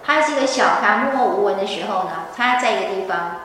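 A woman's voice: mid-range voice, animated, quick pace, fairly bright tone, slight background noise. A woman giving a scripture lecture, telling the story animatedly. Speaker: religious teacher. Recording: echoey hall from far off.

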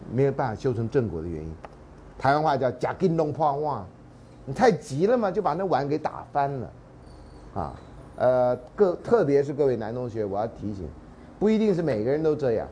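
Male lecturer, Taiwanese Mandarin accent, animated and jokey, lively pitch, faint room noise. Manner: animated and joking, drops into dramatic readings and half-sung lines. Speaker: university lecturer.

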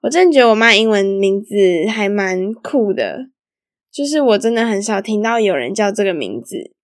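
A woman's voice: medium pitch, sing-song, moderate pace, no room sound, clean studio sound. A young woman hosting a solo podcast, telling stories in a chatty, giggly way with lots of casual fillers. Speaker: podcast host.

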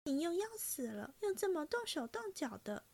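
A fragile young noblewoman with a quick, teasing tongue, voiced by a woman reading the story aloud. Her voice rides high and thin, soft and lilting, with a reproachful edge. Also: sing-song, vocal fry, heavily acted.

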